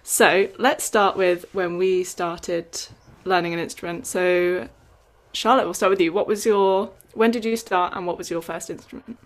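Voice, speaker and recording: A woman's voice: on the low side, steady tone, moderate pace. A woman hosting a podcast, introducing the topic in a casual, repetitive way. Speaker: podcast host. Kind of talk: casual chat.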